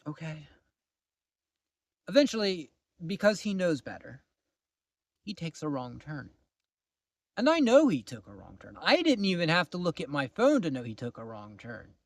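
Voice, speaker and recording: A man recounting his own misadventures in a casual vlog, his voice swinging up and down with a slightly high pitch. He sounds exasperated, often sinking into low asides. The sound is close and completely dry. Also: normal speed, long pauses, no room sound. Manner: animated, exasperated storytelling, drops to low mutters. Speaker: vlogger. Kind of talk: casual storytime.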